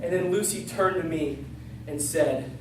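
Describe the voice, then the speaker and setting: A man's voice: a little high, a little slow. A man tells a folksy tall tale in a very echoey room, picked up from a distance. His delivery is comic and dramatic, acting out the dialogue as he goes, with faint noise behind him. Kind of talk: folksy tall tale told live on stage. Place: large echoey room, live before an audience.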